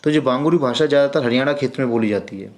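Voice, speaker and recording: A man's voice: medium pitch, rapid-fire, a little mellow. A man teaching an exam-prep lesson, going through quiz questions step by step and answering his own questions. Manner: explains step by step, often saying "friends"; asks the class questions and answers them himself.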